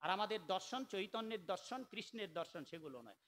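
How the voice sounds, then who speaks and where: A high-pitched, sharp-toned man preaches a sermon. He scolds and argues, moving from quiet asides to sudden loud outbursts. His voice rings out with a long hall echo. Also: lively intonation, brisk.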